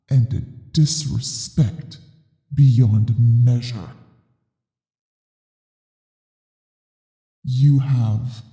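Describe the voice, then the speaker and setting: A woman voicing a haughty, menacing ancient dragon queen in a slow, theatrical ASMR roleplay, imperious and full of disdain. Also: extremely low pitch, warm tone, exaggerated voice. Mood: cold, offended. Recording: cavernous echo and long reverb.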